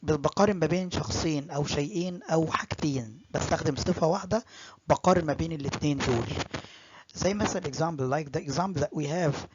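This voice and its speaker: An English lecturer with an Egyptian Arabic accent, explaining grammar in a recorded lecture. The lecturer switches between Arabic and English and repeats examples slowly and often. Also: mid-range voice, background noise. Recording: dull, dry lo-fi recording.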